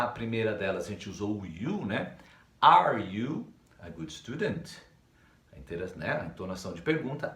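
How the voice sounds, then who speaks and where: Brazilian man teaching kids English in an upbeat sing-song voice, with a very lively pitch and a room echo. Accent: Brazilian Portuguese. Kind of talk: recorded online lesson for young pupils. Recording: echoey room.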